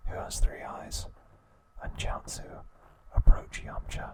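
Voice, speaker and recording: A recap is delivered ASMR-fashion by the channel's host, a man whose unvoiced whisper stays breathy and soft. His phrasing is short and unhurried.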